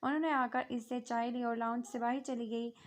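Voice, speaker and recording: A woman reading a romance novel aloud in a steady storytelling manner. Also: fairly high pitch, moderate pace. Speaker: novel reader.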